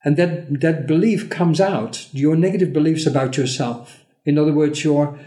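A man with a somewhat high, mellow voice tells a parable in a relaxed podcast conversation. He slows down to act out the characters' lines, and the room around him sounds echoey. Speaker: podcast co-host.

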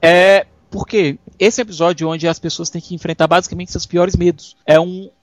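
A woman's voice: lowish voice, fairly even intonation, normal speed, no echo. A woman co-hosting a podcast, casually recapping TV episodes with restarts and laughs. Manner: summarizing plot with laughs and restarts. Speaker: podcast co-host. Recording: dull dry recording.

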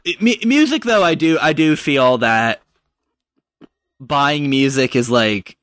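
A man's voice: on the high side, animated, slow, a bit bright, dry recording, studio quality. A man in a casual podcast chat, talking hesitantly with many restarts.

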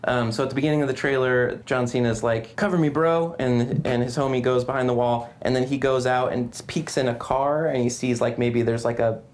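A man in casual movie chat, telling a story with laughter and loud impressions. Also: mid-range voice, little pitch movement, brisk, few pauses.

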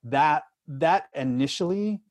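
A middle-aged man speaking candidly as an interview guest, telling personal experience in a halting way, often repeating and restarting phrases. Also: fairly high pitch, animated, darkish tone, no echo.

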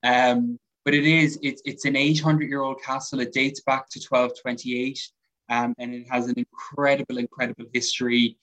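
A man's voice: medium pitch, level tone, normal speed, a bit bright, rough recording. A man with a west of Ireland accent speaking as an interview guest in a conversational way, often repeating words as he goes. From County Mayo, Ireland. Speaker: hotel sales executive, interview guest.

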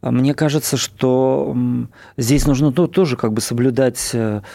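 A film director speaks as a guest in a radio studio, earnest and thoughtful, often pausing to search for words. His voice is mellow and dark. The studio sound is close and dry. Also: medium pitch, vocal fry, no room sound. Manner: thoughtful, earnest, with many pauses and fillers. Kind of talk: interview talk.

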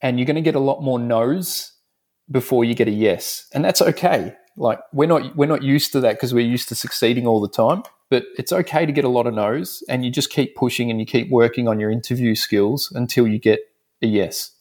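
An Australian man talks as a guest in a relaxed interview. His voice sits at a middle pitch, and he tells his stories frankly, piling up restarts as he goes. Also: a little fast. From Melbourne, Australia. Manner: frank, rambling storytelling. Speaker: dentist guest. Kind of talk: casual interview chat.

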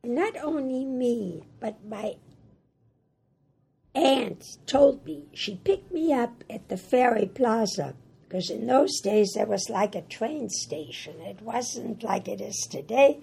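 Older woman, German native speaker, interview testimony; hoarse, husky, slightly high voice, unhurried. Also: expressive, mellow. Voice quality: raspy, hoarse voice. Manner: halting, plain-spoken, repeats words. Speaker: Holocaust survivor interviewee. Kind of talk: oral history interview.

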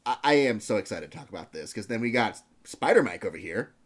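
A man's voice: lowish voice, animated, quick pace. A man hosting a podcast, chatting casually and playfully and laughing often. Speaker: podcast host. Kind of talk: casual review chat.

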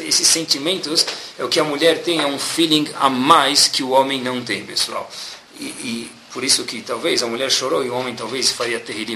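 A man, giving a sermon as a religious teacher and telling stories in a lively, animated way, often checking in with his listeners. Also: mid-range voice, slight background noise. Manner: keeps asking "tá bom?" as a check-in. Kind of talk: sermon with storytelling. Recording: echoey room.

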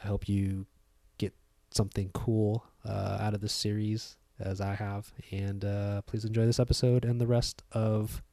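A young man hosting a podcast, talking casually in a soft, hesitant way with many fillers. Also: on the low side, little pitch movement, a little slow, creaky, few pauses. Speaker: podcast host.

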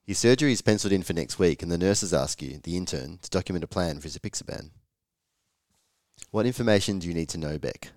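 A man with an extremely deep voice that croaks hoarsely as he talks. He co-hosts a relaxed educational discussion, and the sound is dry with very little room on it. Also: quick pace, no echo. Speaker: podcast co-host on medical teaching.

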